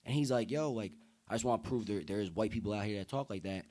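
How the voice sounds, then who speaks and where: In casual, slang-laden podcast conversation, a young US man with a deep voice speaks earnestly and emphatically. He talks fast, with a darkish tone.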